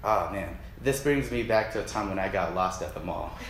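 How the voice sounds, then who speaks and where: A man's voice: sits low, moderate pace, roomy sound, a little hiss or hum. A man preaching in a casual, joking way, acting out the Bible characters as he tells a story to his listeners. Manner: animated, jokey, acts out Bible characters.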